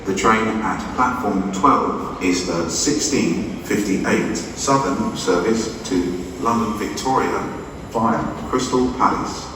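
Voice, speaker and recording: A man making a formal, measured platform announcement over a station loudspeaker, reading the calling points. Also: on the low side. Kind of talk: automated train departure announcement. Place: large railway terminus concourse. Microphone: public address loudspeaker picked up from a distance. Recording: echoey station hall from far off, noisy. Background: station noise and ambience.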